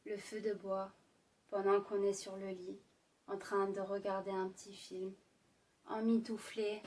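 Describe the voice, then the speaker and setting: A woman doing an ASMR role-play as a sultry, intimate ASMR narrator, speaking sensually to the listener with lingering pauses. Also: mid-range voice, a little mellow, distant mic, low-quality recording. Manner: slow, lingering delivery with deliberate pauses. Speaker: ASMR performer.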